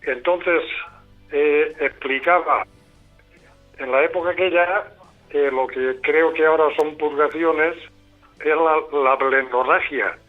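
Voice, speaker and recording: Older man calling in over the phone. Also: on the high side. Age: 70s. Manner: unhurried, speaks in short broken phrases. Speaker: caller. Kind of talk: call-in radio comment. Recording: tinny phone line with faint music.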